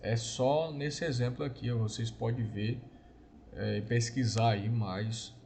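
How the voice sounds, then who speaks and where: A man gives a recorded lesson at an unhurried, deliberate pace. His mid-pitched voice has a gravelly edge, and a faint hiss sits behind him. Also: fairly even intonation, mellow. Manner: slow, patient explaining, often adds "né?" and "irmãos". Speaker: Hebrew teacher.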